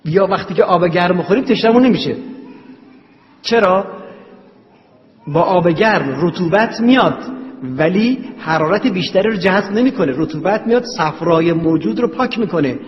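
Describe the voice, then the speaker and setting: A man with a slightly high voice lectures on traditional medicine, working through numbered points and answering his own rhetorical questions. The recording is dull and muffled, with a long reverb from a large hall. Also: expressive, pauses often.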